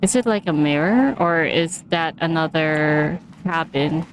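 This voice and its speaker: A woman's voice: sits low, a little slow, a little hiss or hum, low-quality recording. A woman giving casual, chatty gameplay commentary, giggling and thinking aloud as she plays. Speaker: game streamer.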